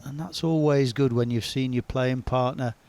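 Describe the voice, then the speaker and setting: A man's voice: mid-range voice, fairly even intonation, normal speed, darkish tone. A man working as a golf commentator, giving live reactions to the shots as they are played.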